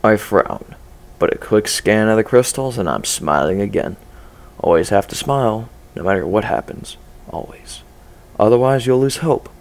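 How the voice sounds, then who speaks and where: A man reads a dark first-person story aloud. His low voice has a gravelly edge, and he narrates in a measured, low-key way. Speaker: story reader.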